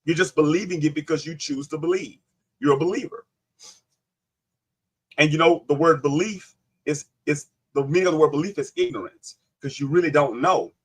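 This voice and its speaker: A man's voice: fairly high pitch, normal speed, breathy edge. A man hosting a live online panel, debating insistently, cutting in and repeating his questions. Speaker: livestream host.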